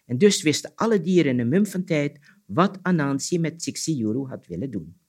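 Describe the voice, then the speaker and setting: A male storyteller guest narrating a folk tale with real animation. His voice sits a little high and swings widely in pitch. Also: moderate pace. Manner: lively, expressive narration. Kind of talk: storytelling on a radio show.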